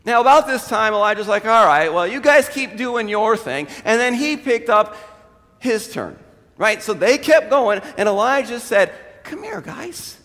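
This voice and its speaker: A man preaching a sermon as a pastor, retelling a story in an animated way and acting out the quotes. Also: high-pitched, moderate pace, long reverb tail.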